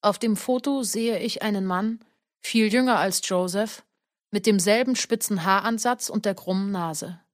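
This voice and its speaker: A woman giving a measured first-person audiobook narration. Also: medium pitch, dry recording, clean studio sound.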